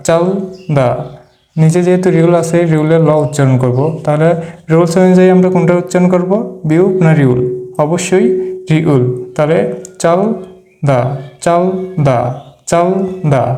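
A man's voice: a little high, warm tone. A man teaching a language lesson step by step, repeating each example several times and answering his own questions. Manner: asks the class questions and answers them.

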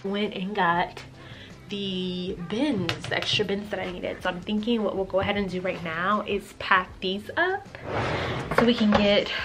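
A young woman with a soft lilt talks straight to the camera in a bright living room, upbeat and chatty. Her voice is at an everyday middle pitch, and she sounds close to the mic. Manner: upbeat, chatty, addresses viewers as y'all. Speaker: lifestyle vlogger. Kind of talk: casual vlog talk to camera.

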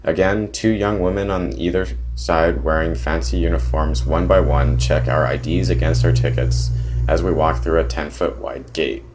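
A man's voice: rumbling low, fairly even intonation, moderate pace, background noise. A young man narrating a travel diary in a plain, detailed way, with small restarts. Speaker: vlogger narrating a trip.

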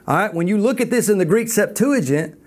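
A man's voice: high-pitched, expressive, brisk, darkish tone. A man teaching a Bible college class, reading scripture aloud and commenting on it with emphasis.

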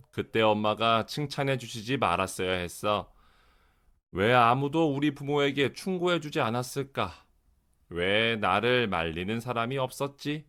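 A man reading as weary storybook Napoleon, clearly enunciated. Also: lowish voice, fairly bright tone. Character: weary, regretful male emperor in a storybook.

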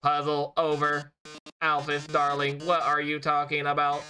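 A man's voice: a little high, completely flat delivery, pushed and bright, soft background music. A man putting on a theatrical robot TV host voice. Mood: condescending. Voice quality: put-on robot voice. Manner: theatrical, mocking, drawn-out taunts. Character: showy, taunting male robot TV host. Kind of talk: gameplay commentary with character voices.

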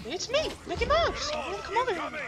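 Squeaky, foul-mouthed Mickey Mouse. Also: male voice, sing-song, fast talker, recorded from a distance. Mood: gleefully crude. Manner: crude, hammy amateur impression. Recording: noisy game audio behind the voice.

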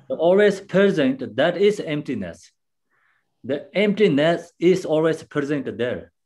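A man giving a dharma teaching as a Buddhist teacher, explaining patiently in simple, non-native English phrasing, with many pauses and restarts. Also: on the high side, sing-song, a little mellow.

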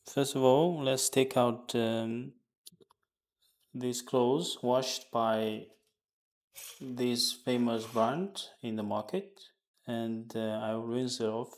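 A man talking through a hands-on laundry test at a lab bench, unscripted, with many pauses, fillers and restarts. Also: medium pitch, darkish tone. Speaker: product demonstrator.

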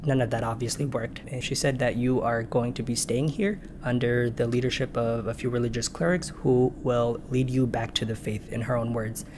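A young man, born in Kenya and raised in Minnesota, gives an earnest, measured documentary interview about his own life. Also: medium pitch, steady tone, background noise. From born in Kenya, raised in Minnesota, United States. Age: young adult. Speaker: interviewee telling his personal story. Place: indoor room with a lamp, seated. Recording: clear music bed underneath.

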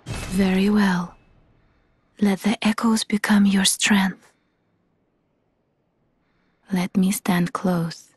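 Give this game character the voice of a talking doll: gentle, solemn and devoted. She speaks in a very breathy, hushed whisper, with slow, formal phrasing and a close, soft delivery. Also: medium pitch, level tone, no room sound, exaggerated voice. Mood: serene, tender. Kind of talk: video game character dialogue.

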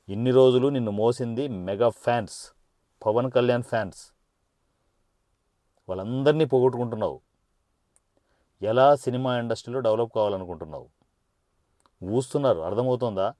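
A man's voice: medium pitch, moderate pace, pauses often, mellow, no room sound. A man, a political party supporter, delivers an angry and taunting rant that he speaks straight at his target, with threats in it. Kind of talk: angry direct-address rant.

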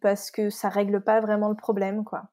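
Woman from scotland explaining stuff in an interview, relaxed dark voice, lots of restarts. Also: mid-range voice, moderate pace. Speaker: nutritherapist guest. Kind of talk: casual interview chat.

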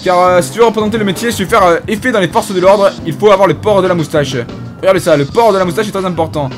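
A man's voice: high voice, rapid-fire, soft background music, lightly acted. A man voicing a pompous, bumbling police inspector in mock-solemn game commentary, with a French accent and hesitant fillers. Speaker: gaming YouTuber. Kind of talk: comedic in-character game commentary.

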